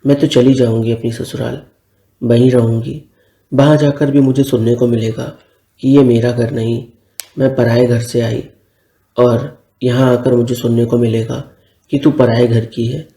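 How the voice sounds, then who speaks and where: A man's voice: medium pitch, flat delivery, measured pace, dark tone, lightly acted. A man voicing a hurt elder sister. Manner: hurt, pleading, then scolding. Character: emotional young woman, elder sister, bride-to-be. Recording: roomy echo.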